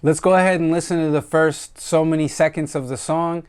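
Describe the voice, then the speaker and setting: Host: American man, casual music reviewer, smooth clear voice, relaxed and reflective delivery, lots of fillers. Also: on the high side, fairly quick. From United States.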